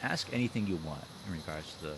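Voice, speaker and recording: A man's voice: low voice, expressive, quick pace, noisy background. A man hosting a casual group chat, teasing his friends playfully. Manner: teasing, playful, counts down jokingly. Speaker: podcast host.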